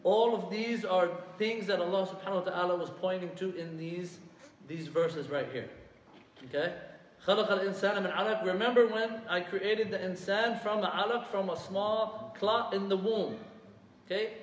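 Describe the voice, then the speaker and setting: A man teaching a religious lesson to a class, quizzing his students often and reciting Arabic verses quickly. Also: high voice, slight background noise. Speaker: Islamic teacher. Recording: echoey hall from far off.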